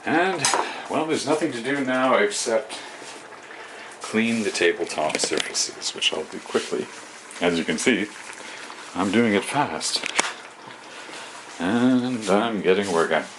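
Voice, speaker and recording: A man's voice: fairly low pitch, animated, takes it slowly, pauses often, background noise. A man chatting to himself in his home kitchen, rambling and absent-minded as he cooks and tidies up. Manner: absent-minded, talks to himself while working. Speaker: home cooking vlogger. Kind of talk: rambling casual cooking commentary.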